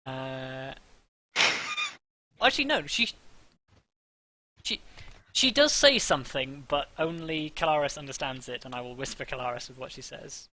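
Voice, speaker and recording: A man's voice: mid-range voice, lively intonation, moderate pace, pauses often, sharp tone, low-quality recording. A man running a tabletop game as game master, narrating with many fillers and restarts.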